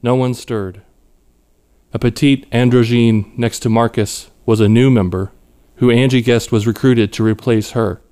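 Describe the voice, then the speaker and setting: Male author-narrator, smooth, clear, measured reading. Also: medium pitch. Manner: measured, even storytelling. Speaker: author narrating his story. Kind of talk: scripted narration.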